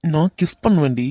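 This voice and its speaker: A man voicing a young husband in an animated romance, earnest and bantering in a Kanyakumari Tamil accent. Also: fairly high pitch. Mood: playful banter.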